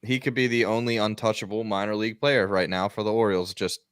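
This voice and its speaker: A man co-hosting a sports podcast in casual chat, measured and careful to clarify his points. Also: on the low side, fairly even intonation, fairly bright tone, clean tone, no room sound, studio quality.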